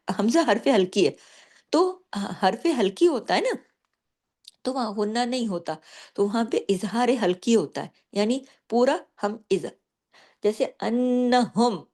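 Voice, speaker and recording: A woman teaching tajweed, explaining the rules patiently and slowing down to recite each example, often checking in with her listeners. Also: fairly high pitch, a little mellow. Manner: checks in often with "theek hai?".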